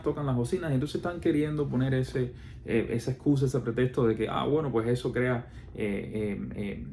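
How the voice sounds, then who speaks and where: Casually laying out his opinions, a Cuban man talks in a mellow, easygoing voice of medium pitch with a Cuban Spanish accent. His speech stumbles through fillers, restarts and rhetorical questions as he keeps circling back, and faint noise lies under it.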